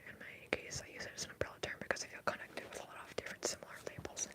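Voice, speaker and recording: A woman whispering softly and breathily as she hosts an ASMR livestream, chatting in a candid, informal, rambling way. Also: racing. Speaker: livestream host.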